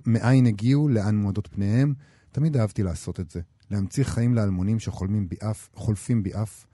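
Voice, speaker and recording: A man reading a novel excerpt aloud on a radio show, in a measured, expressive way. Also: fairly low pitch, no echo, studio quality.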